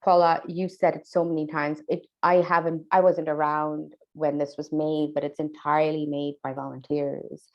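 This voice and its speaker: A woman's voice: deep voice, flat delivery, normal speed, hardly any pauses, dull audio. A woman from a charity chatting casually and enthusiastically, with lots of fillers and restarts. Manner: enthusiastic, effusive, many fillers. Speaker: charity staff member. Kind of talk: casual conversation.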